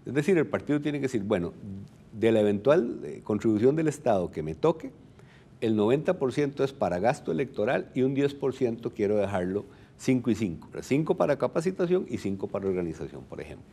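On a lapel mic in a TV studio, a middle-aged Costa Rican man who directs the electoral registry explains things like a teacher. His mid-range voice is very animated and fairly quick, dark and slightly rough with vocal fry. As an interview guest, he raises his own questions and answers them.

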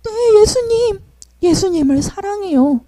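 A woman voicing an impulsive, tearful young fisherman who pleads in loud, high exclamations, told to children in a sermon. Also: lively intonation, unhurried, no echo. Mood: tearful devotion.

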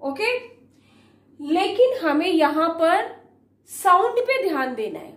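Indian lady teacher, really high voice, reads out grammar rules slow, asks the kids and answers herself. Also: sing-song, roomy sound. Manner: explains slowly, often asks students questions and answers them herself; mixes Hindi and English, slowly reads rules aloud. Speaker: school teacher. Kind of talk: recorded grammar lesson.

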